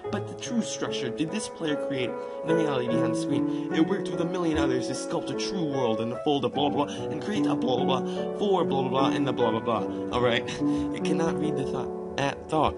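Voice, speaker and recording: This gaming video narrator has a mid-range voice and talks fairly quickly. His commentary and amateur reading are informal and loose, full of stumbles and ad-libs, with guitar and piano music behind him.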